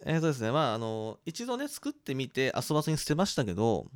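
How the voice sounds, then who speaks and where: A man co-hosting a casual radio-style podcast, introducing segments quickly and laughing often. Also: medium pitch. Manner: quick, lively explaining with frequent laughs. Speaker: podcast co-host presenting segments.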